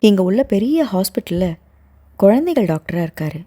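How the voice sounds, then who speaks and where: A woman's voice: medium pitch, very animated, moderate pace, dark tone. A woman voicing an anxious young woman in love, who talks in a hesitant, pleading way.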